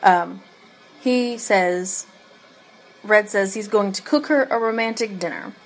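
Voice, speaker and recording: A woman chatting loosely on a podcast, walking through an episode scene by scene. She laughs often and leans on um and so on. Her pitch sits in the middle for a woman. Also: takes it slowly, faint music behind. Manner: laughs often, many ums and restarts; eating while talking. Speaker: podcast co-host recapping a TV episode. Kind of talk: casual chat.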